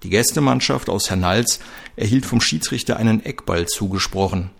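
Steady male narrator for a radio-style crime serial, low-pitched and gravelly. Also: normal speed. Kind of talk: scripted audio-drama narration.

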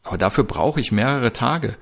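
A man's voice: medium pitch, lively intonation, creaky, a bit bright. A man voicing a busy male police colleague reporting to his boss. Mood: brisk. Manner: brisk reporting.

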